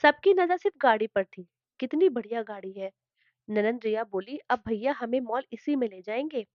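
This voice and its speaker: A woman's voice: fairly high pitch, animated, normal speed, no room sound, lo-fi sound. A woman telling a family drama story as a narrator, reading all the characters' lines in her own voice.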